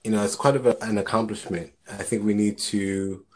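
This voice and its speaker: A man with a fairly low voice talks in a relaxed, conversational way. He sounds earnest and encouraging, and he often stumbles over and repeats his first words before he settles into a sentence. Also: fairly quick. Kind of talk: casual conversation.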